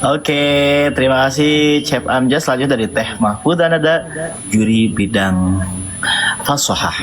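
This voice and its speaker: A man's voice: medium pitch, a little slow, noisy background. A man hosting a singing contest, formal and polite. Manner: formal, polite, uses courteous address terms. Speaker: host.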